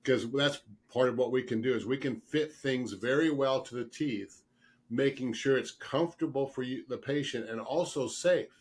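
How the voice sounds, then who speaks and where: This dentist, a dental sleep medicine specialist interviewed as a guest expert, speaks at normal speed with a medium pitch. A lingering cold leaves his voice a bit rough and brings throat clearing and coughing. He's earnest and emphatic, repeating words to stress his points.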